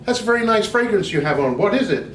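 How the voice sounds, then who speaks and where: A man voicing a persistent, fussy old woman shopper, polite and a little high. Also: expressive, quick pace, fairly bright tone, echoey room, far from the mic, slight background noise.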